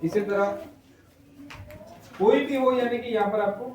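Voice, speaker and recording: High-voiced male teacher in an echoey classroom. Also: a little slow. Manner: explains step by step with frequent check-ins. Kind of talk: classroom grammar lesson. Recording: echoey room, mic at a distance.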